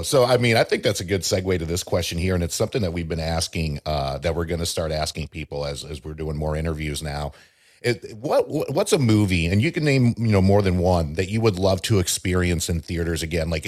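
A man's voice: deep voice, a little fast. A middle-aged man hosting a podcast interview, friendly and affirming as he asks his questions. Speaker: podcast host. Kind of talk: casual interview chat.

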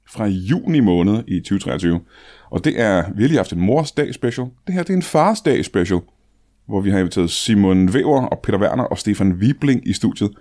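Excited comedy podcast host, man. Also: on the low side. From Denmark. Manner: fast, excited, full of fillers.

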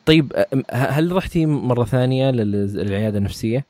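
A man hosting a podcast who asks questions and sums up his guest's answers in a hesitant, halting way. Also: medium pitch, lively intonation, darkish tone. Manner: hesitant, halting, with many restarts and fillers. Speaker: podcast host. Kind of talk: interview questions and summaries.

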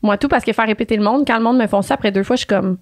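A young woman with a Quebec French accent, co-hosting a podcast in fast, playful casual chat and laughing often. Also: fairly high pitch, dry recording, studio quality. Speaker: podcast co-host.

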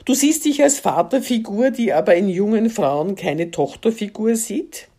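Woman doing a wry probing woman, dark mellow tone. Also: low voice, expressive, measured pace, slightly rough, full character voice. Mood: skeptical. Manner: dry, quietly probing. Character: woman, dry, skeptical, probing questioner.

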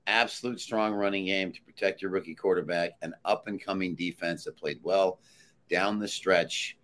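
Deep-voiced confident sports handicapper man. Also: fairly even intonation, normal speed, fairly bright tone. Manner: confident, emphatic picks. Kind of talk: sports betting analysis.

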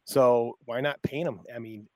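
A man's voice: mid-range voice, steady tone, measured pace, darkish tone, no echo. A man hosting a home-improvement radio talk show, chatting with a guest and often restarting his sentences.

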